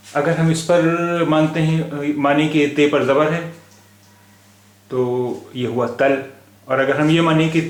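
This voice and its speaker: Male teacher, slow and patient, spells out and repeats words, echoey room, even mid pitch. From India. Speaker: language teacher.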